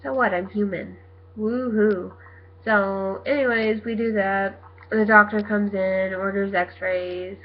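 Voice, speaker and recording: A woman in her twenties telling her viewers a personal story in a casual, animated way, acting out what people said. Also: medium pitch, highs cut off, a little hiss or hum. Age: 20s. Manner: chatty, animated retelling with quoted dialogue. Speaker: vlogger.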